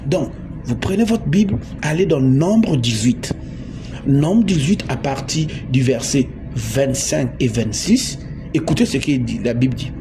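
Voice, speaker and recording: A man's voice: mid-range voice, lively intonation, unhurried, over music. A man from Congo preaching a sermon, emphatic, repeating words and asking his listeners questions. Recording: noisy background.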